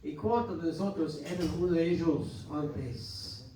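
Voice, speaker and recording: An American pastor teaches Sunday school in a church hall, captured from far off in an echoey recording with a little hiss or hum. His male voice is fairly high in pitch yet dark in tone, and his earnest exhortations come with halting restarts.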